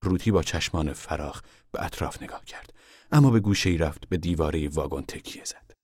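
A man reading a novel aloud in a calm, measured storytelling voice. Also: very deep voice, breathy edge, no room sound. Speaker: narrator. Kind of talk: audiobook reading.

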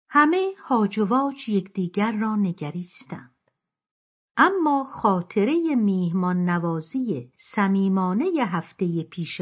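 A woman narrating a novel as an audiobook in a steady storytelling delivery. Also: mid-range voice, slightly rough. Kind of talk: audiobook reading. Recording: dull lo-fi recording.

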